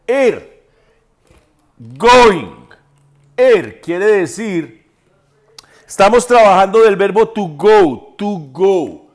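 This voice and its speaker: High-pitched guy teaching english real slow, says each word over and spells it out. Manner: repeats and spells words aloud. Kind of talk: slow spoken language lesson.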